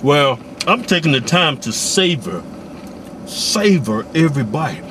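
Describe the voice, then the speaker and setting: A man's voice: on the high side, sing-song, measured pace, background noise. A man talking through a full mouth while chewing, in a casual, slangy food review chat. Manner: slangy and profane, savoring food. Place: inside a parked car.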